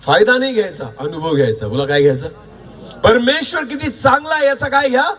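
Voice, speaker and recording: A man preaching a sermon, quizzing the congregation with repeated questions and building to shouts. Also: very high voice, animated, a little fast, distant mic. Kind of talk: sermon with call-and-response.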